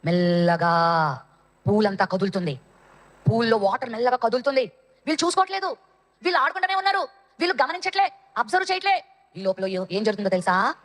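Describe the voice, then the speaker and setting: A woman's voice: a little high, expressive, fast, long pauses, long reverb tail. A woman Sunday school teacher telling a dramatic Bible story to children, speaking to them directly.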